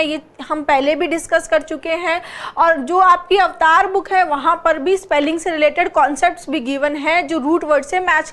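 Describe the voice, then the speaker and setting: A woman teaching an exam-prep English class. She explains patiently, spells words out letter by letter, and keeps checking with rhetorical questions. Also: extremely high pitch.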